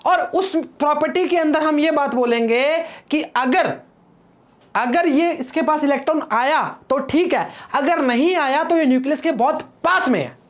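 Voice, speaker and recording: A man with a very high-pitched voice gives a casual physics lecture, chatting and teasing his students directly and drifting into playful rhymes.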